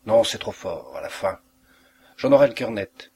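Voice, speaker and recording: A man's voice: fairly low pitch, very animated, normal speed, vocal fry, a little mellow, a little hiss or hum. A man voicing an anxious, frightened mother in a read-aloud story, speaking with a tense, unsteady manner.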